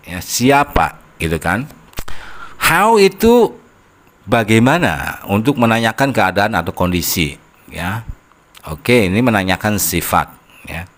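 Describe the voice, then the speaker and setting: Male online English teacher, unhurried voice-over, casual buddy-like tone, keeps checking in with "okay". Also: on the low side. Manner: patient, explains step by step with frequent "oke" and "ya"; addresses viewers as "sob". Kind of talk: slide-based grammar lesson.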